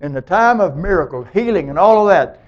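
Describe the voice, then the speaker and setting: A man preaching a sermon, emphatic and animated, acting out the people of scripture as he tells them. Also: sits high, a little fast. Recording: dull lo-fi recording.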